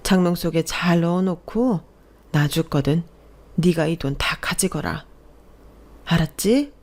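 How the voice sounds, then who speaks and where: A woman voicing a frail, dying older mother who speaks in soft, old-fashioned motherly tones in a radio story. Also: lowish voice, measured pace. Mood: tender. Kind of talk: scripted radio story reading.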